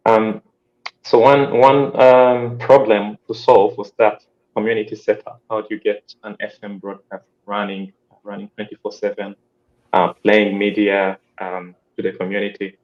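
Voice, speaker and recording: A man's voice: lowish voice, flat delivery, a little slow. A man from Uganda, explaining his project as a panel guest over a video call, with frequent "um". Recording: dull lo-fi call audio.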